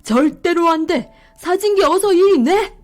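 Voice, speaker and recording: A woman voicing a father in a children's story, speaking in a measured, fatherly way. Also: medium pitch, warm tone, close to an everyday voice. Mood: angry. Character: father trying to stay calm and reasonable. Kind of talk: storybook voice acting.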